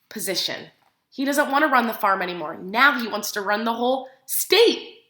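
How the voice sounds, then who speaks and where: A woman teacher animatedly reads a picture book to preschoolers, using simple child-directed phrases, gasping for effect, and asking her young listeners questions. Her voice is a little high, and the room sounds echoey.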